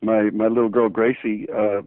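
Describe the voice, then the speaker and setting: A man's voice: fairly low pitch, flat delivery, normal speed, dry recording. A man from New Orleans, a voice actor guest, telling jokey stories with chuckles over the phone. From New Orleans, USA. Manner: playful, jokey storyteller with frequent chuckles. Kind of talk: phone interview chat. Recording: tinny dry phone line.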